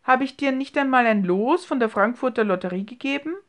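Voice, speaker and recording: A woman putting on a kindly old uncle, hearty and easily excited. He speaks loudly and pushes his questions with raised insistence in this storybook scene. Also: fairly high pitch, brisk, close to an everyday voice. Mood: urging.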